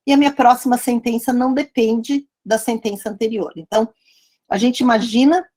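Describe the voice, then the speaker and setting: A woman lecturing on statistics, explaining step by step and often checking in with her listeners. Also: fairly high pitch. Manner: explanatory, repeats points with frequent "né?" checks. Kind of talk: academic lecture.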